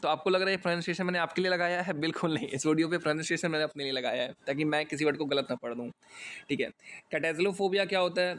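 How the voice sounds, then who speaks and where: A man's voice: a little high, fairly bright tone. A man with an Indian accent giving a casual vocabulary lesson, chatty with jokey asides and some stumbles over long words. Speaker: exam English teacher.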